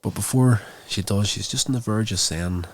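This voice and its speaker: A man's voice: fairly low pitch, normal speed, no echo. A man hosting his own show, casually retelling a TV episode in a loose, rambling way with many fillers. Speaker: show host reviewing a TV episode. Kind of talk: casual spoken recap.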